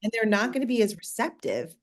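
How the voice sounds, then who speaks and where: As a podcast guest, this communications expert from New Jersey offers chatty, emphatic, straightforward advice. She speaks fairly quickly in a fairly high voice that swings widely in pitch.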